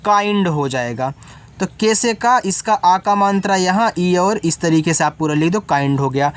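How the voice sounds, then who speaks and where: A man with a high, smooth voice and lively intonation teaches beginners to read English at a moderate pace. He spells out each word letter by letter, explains it, and frequently checks that the learner is following.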